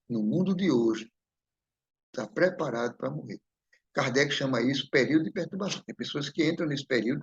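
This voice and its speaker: In a muffled recording, a man delivers a spiritist lecture built around a personal story, checking in with listeners and repeating "né?" as he talks. His voice runs on the high side, with vocal fry and a breathy edge.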